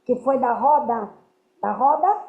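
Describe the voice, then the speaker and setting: A woman's voice: on the high side, a little slow, gravelly. A woman giving earnest spiritual teaching to a group, often checking that her listeners understand. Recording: roomy, dull lo-fi sound.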